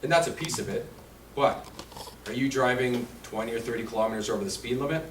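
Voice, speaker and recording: A man's voice: mid-range voice, fast. Chatty man giving a talk. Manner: chatty, quizzes the audience. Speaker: insurance presenter. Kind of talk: conversational seminar talk. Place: meeting room at a seniors' residence. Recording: roomy, distant, faint hiss.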